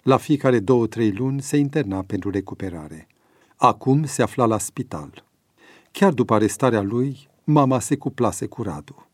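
A man narrating a story in a steady, measured reading. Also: medium pitch, no echo, clean studio sound. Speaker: audiobook narrator.

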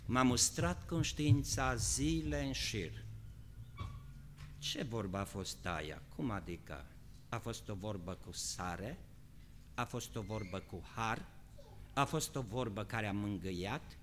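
A male pastor preaching a sermon, moving between shouted, drawn-out high passages and quiet, conversational questions. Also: lively intonation, a little hiss or hum.

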